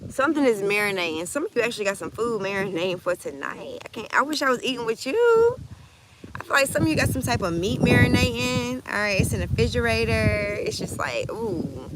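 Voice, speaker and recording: A woman giving a casual, animated tarot reading outdoors by the water into a phone camera, swinging between hushed and loud. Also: fairly high pitch, fairly quick, a loud crowd. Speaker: tarot reader. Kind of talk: casual emotional tarot vlog.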